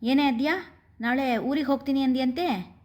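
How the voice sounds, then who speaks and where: A woman voicing a middle-aged mother who scolds her daughter in a raised, sharp tone. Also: sits high, steady tone, normal speed, pitched above the performer's own voice, close to an everyday voice. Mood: teasing.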